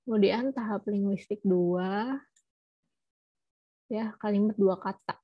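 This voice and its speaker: A woman's voice: medium pitch, slow, no echo. A woman teaching a class on child language development, explaining step by step and often checking in with "ya" and correcting herself mid-phrase. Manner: explanatory, frequent tag "ya", self-corrections. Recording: muffled lo-fi recording.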